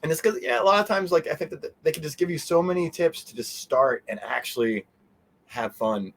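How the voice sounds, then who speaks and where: This middle-aged man, a guest in a casual interview, has a creaky, higher-pitched voice and a brisk pace, meandering along easygoingly and laughing often.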